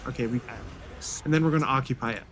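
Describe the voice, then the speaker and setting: A man's voice: medium pitch, fast talker, background noise. A man thinks aloud in casual commentary as he plays a strategy game. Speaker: gaming video host.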